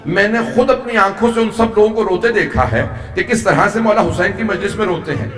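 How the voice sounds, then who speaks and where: High-voiced hoarse preacher in an echoing hall. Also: male voice. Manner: impassioned, swells to near-shouts. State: hoarse throat. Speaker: cleric preaching at a mourning gathering. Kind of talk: storytelling sermon. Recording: echoey, distant mic in a hall.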